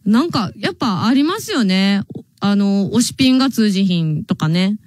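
A woman's voice: mid-range voice, lively intonation, moderate pace, a little mellow, dry recording. A young woman with a Kansai accent, hosting a radio show and chatting casually, reading listener mail and laughing often. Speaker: radio host. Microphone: studio microphone.

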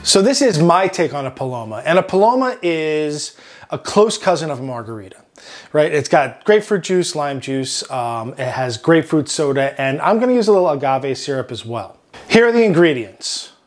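Long island guy chef showing a drink recipe, easygoing, keeps saying right?, voice on the high side. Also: normal speed. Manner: relaxed, ends points with "right?". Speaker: chef and host. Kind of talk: cooking demonstration.

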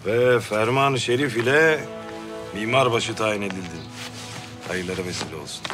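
A man's voice: on the low side, normal speed, lightly acted. An actor playing a formal, matter-of-fact Ottoman court official in a period drama. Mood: brisk, official. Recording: prominent music under the dialogue.

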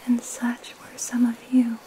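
Soothing whispering young woman, very even. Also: fairly high pitch, slight background noise. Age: young adult. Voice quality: soft, breathy whisper. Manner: slow, calming, gentle, with pauses. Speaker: ASMR host reading scripture and praying. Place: small indoor room at home. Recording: steady rain sound behind the voice. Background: rain.

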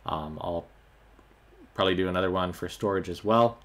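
A man's voice: low voice, normal speed. Man walking through a screen recording. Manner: relaxed, many ums and uhs. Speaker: tech tutorial host. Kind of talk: screen-recorded software walkthrough.

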